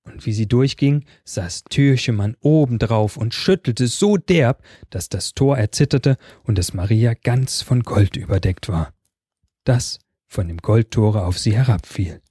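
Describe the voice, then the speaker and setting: A man reading a fairy tale aloud in a calm, measured storytelling voice. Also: mid-range voice, husky, no echo, studio quality.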